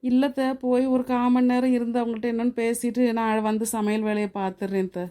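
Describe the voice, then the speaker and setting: Cartoon, woman playing a grumbling young daughter-in-law, mellow voice, a bit high. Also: flat delivery, fairly quick, natural voice. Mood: sarcastic. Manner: mutters sarcastic asides.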